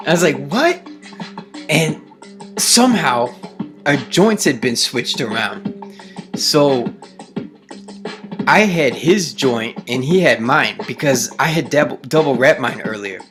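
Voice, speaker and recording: A young man talking casually to camera at home, rambling excitedly and swearing, his voice jumping up when he quotes himself. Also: mid-range voice, takes it slowly, music in the background. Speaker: vlogger recounting a trip.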